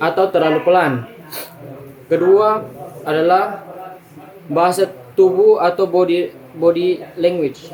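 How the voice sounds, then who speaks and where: A man's voice: a little high, rough recording. Young man reading a class presentation. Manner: steady, list-like delivery with restarts and throat clearing. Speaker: student presenter.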